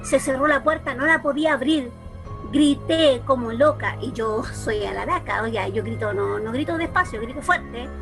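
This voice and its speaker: A Chilean woman with a high voice tells a story to a group on a video call. She talks in an animated way, doubling back and repeating herself, while faint music plays behind her. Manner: animated, lots of restarts and repeats. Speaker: church youth leader.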